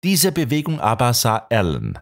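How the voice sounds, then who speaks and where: A male narrator reading a detective story aloud with dramatic flair. His medium-pitched voice is highly animated, rising and falling with each turn of the tale. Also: moderate pace, gravelly.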